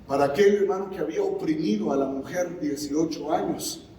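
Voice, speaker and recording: Echoing preacher in a church hall. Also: male voice, a little high, a little fast, warm tone, slight background noise. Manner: call-and-response preaching, acting out scripture. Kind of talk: sermon. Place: church sanctuary. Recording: very echoey hall, mic far off.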